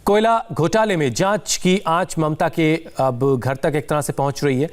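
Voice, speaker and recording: A man's voice: on the high side, normal speed. A man reading a news bulletin as an anchor, in urgent, punchy headline style. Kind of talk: scripted news bulletin delivery.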